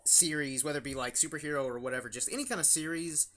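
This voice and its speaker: A man's voice: a little high, fast, pushed and bright. A young man hosting a casual review chat, rambling with lots of fillers and restarts. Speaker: YouTube channel host.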